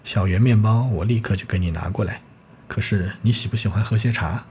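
A chatty, blunt peasant maidservant who scolds and teases , read out by a man in his own voice. The voice stays low and plain, with only a faint hiss of room ambience behind it. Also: a little fast, a little mellow, natural voice. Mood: chiding. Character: talkative peasant maidservant woman, blunt and teasing.

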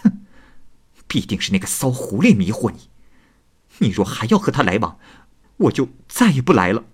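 A man voicing a jealous, tearful ghost woman who speaks quickly and resentfully. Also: medium pitch, sing-song, breathy edge.

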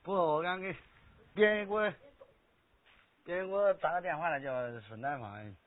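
A man's voice: high-pitched, big pitch swings, normal speed. A man playing a worried rural son in a folk comedy skit, talking in a fretful, confiding way. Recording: tinny, husky lo-fi recording.

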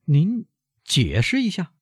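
A friendly, chatty newspaperman, as a male audiobook reader plays him, lifted well above the reader's low register with lively pitch swings. The tone stays slightly husky and the recording is dry. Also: slow, no room sound, heavily acted. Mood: genial. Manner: genial, talkative. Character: affable male newspaper journalist, amiable then proud. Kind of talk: audiobook character voice.

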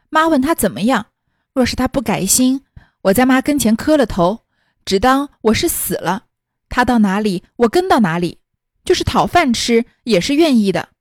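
A woman's voice: a little high, lively intonation, moderate pace, dry recording, studio quality, natural voice. A woman voicing a defiant young maid who speaks with passion and fierce resolve. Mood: impassioned. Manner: impassioned, resolute.

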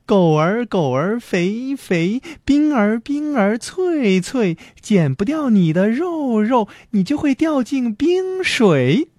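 A man's voice: sits high, huge pitch swings, unhurried, mellow, husky, no echo, studio quality, voice pushed up, heavily acted. A man voicing a brave, carefree little boy who teases a big dog in a children's story. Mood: sing-song teasing.

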